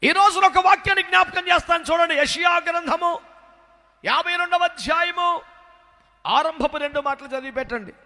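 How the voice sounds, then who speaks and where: A man's voice: extremely high pitch, moderate pace, pushed and bright, long reverb tail. A male pastor preaching a fiery sermon with a Telugu accent, calling out to the congregation for praise.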